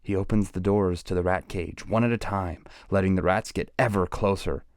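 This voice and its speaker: A man's voice: low-pitched, fairly even intonation, moderate pace, no room sound, clean studio sound. A man hosting a book channel, retelling a novel's plot with grave, dramatic storytelling emphasis.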